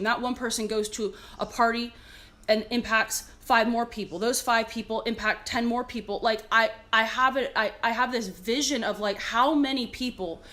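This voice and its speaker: A woman with a Californian American accent and a fairly high voice speaks straight to her live stream audience. She sounds earnest and emphatic, like someone giving a motivational talk, but keeps it conversational. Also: fairly bright tone. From California, United States. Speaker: fitness leader and live streamer.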